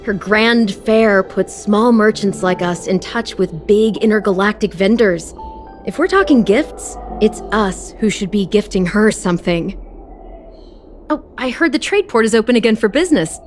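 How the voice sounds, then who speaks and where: A woman voices a gracious, hearty restaurant chef in a video game, effusive, fond of storytelling, and full of fond admiration. Her medium-pitched voice is expressive, close to everyday speech and moderately paced, recorded in a studio with game music clearly behind it.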